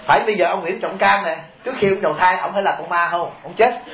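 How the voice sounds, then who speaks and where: Joking monk, echoey tape. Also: male voice, high-pitched, quick pace, a bit bright. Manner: joking, chuckles often, rhetorical questions to the audience. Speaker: Buddhist monk teaching his followers. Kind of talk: humorous sermon. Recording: echoey, dull taped sermon recording.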